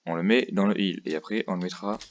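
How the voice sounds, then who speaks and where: A man with a low voice and fairly even intonation talks fast, and the audio sounds dull. He's hosting a casual gaming let's play, thinking aloud in a rambling, hesitant way on a noisy headset mic, with clear noise and clicking audible.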